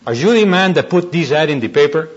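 Man doing a tipsy cheerful fellow, eager, higher voice, husky, dull recording. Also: expressive, quick pace. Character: tipsy cheerful man at night, bold and blunt.

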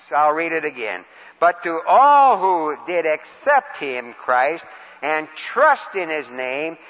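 Reverberant male preacher savoring each word. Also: high voice. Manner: savors key words, drawing them out slowly. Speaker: preacher leading a Bible lesson. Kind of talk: interactive Bible teaching with call and response. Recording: dull, reverberant large-hall recording.

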